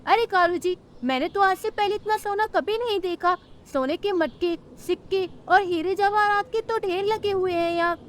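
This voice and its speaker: A woman's voice: extremely high pitch, moderate pace, few pauses. A woman voicing a scheming, greedy female crow in a cartoon, whining and haughty by turns. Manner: whining, then haughty and scornful.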